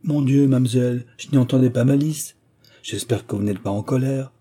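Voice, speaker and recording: A man's voice: mid-range voice, a little fast, mellow, close to an everyday voice. A man voicing a chatty, loyal young manservant who talks in a familiar, blunt way in an audiobook reading. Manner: familiar and talkative, swearing by God.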